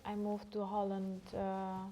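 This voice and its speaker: A woman's voice: medium pitch, completely flat delivery, slow pace, dark tone, a little hiss or hum. Woman in her thirties, hesitant. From Bulgaria. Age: 30s. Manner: hesitant, many fillers. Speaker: podcast co-host. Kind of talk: casual chat.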